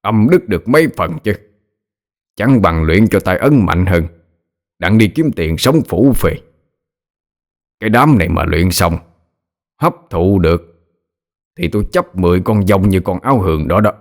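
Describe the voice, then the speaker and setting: A man's voice: low-pitched, lively intonation, moderate pace, long pauses. Man playing a gloating greedy old sorcerer. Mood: scornful. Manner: gloating, scornful.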